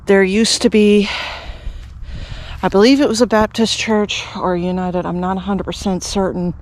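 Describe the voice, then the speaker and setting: A man's voice: high voice, level tone, moderate pace. A man from Canada narrating a casual walking vlog outdoors, chatty and rambling with many fillers and restarts. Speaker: vlogger. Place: outdoors, walking around a rural cemetery.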